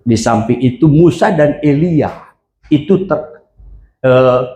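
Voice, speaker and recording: A male pastor preaching a sermon, explaining scripture with call-and-response and rising to emphatic shouts. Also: mid-range voice, slow, reverberant, a little hiss or hum. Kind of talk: sermon with congregation reading verses.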